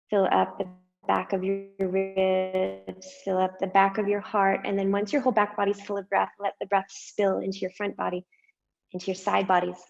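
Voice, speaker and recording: A woman guiding a meditation and breathing exercise, speaking slowly and softly with long pauses. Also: medium pitch, muffled recording. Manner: slow, soft and unhurried with long pauses. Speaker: meditation guide. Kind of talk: guided meditation.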